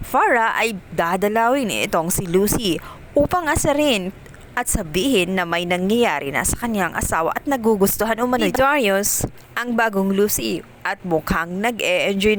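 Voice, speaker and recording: A woman narrating a casual recap of a TV drama episode, telling the story quickly with many fillers. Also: mid-range voice, lively intonation, a little hiss or hum.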